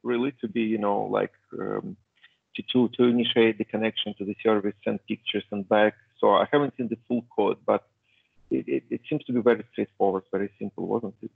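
Man, attendee comment, hesitant, husky, gravelly, phone-like dry audio. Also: on the low side, steady tone, fairly quick, dry recording. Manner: hesitant, repeating words. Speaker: meetup attendee. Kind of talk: casual question. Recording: tinny phone-like call audio.

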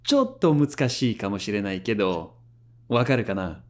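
Man, 30s, from France, YouTube host, friendly phone chat, living room, animated voice. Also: on the low side, a little fast. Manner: friendly and lively, laughs often, switches languages. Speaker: YouTube host reviewing a language app. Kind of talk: casual phone chat and presenting to camera.

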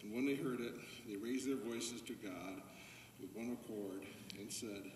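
Lower-voiced man reading scripture, echoing far. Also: slight background noise. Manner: steady, deliberate reading. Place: large church sanctuary, indoors. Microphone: distant camera microphone. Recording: echoey church captured from afar.

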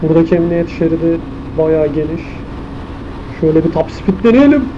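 A man's voice: a little high, animated, fairly quick. Muffled man talking inside a helmet. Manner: thinking aloud, commenting on the traffic. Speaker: motorcycle vlogger. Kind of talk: casual chat while riding. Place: outdoors on a moving motorcycle, inside a helmet. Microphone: microphone inside the helmet. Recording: muffled helmet mic, loud wind and engine noise. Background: wind, engine and traffic noise.

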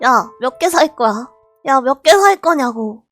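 A woman streaming a game live, scolding and laughing at her viewers in a loud, shouty way. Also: high voice, animated, a little slow, no room sound, studio quality, faint music behind.

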